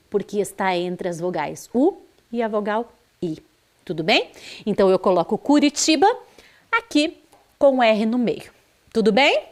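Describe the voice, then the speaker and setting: A Brazilian woman teaching a primary school video lesson, drawing out words and stressing their sounds for young children. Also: on the high side. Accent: Brazilian Portuguese.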